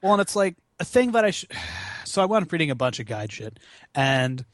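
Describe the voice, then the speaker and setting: Very animated and fairly quick, this man's voice sits fairly high and sounds a bit bright, recorded dry with clean studio sound. A podcast guest in his twenties who runs gaming marathons, he rambles about video games, swearing freely with slangy, self-mocking asides.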